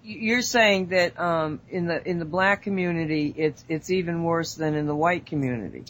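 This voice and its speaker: Higher-pitched male co-host, asks clarifying questions. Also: normal speed, a bit bright.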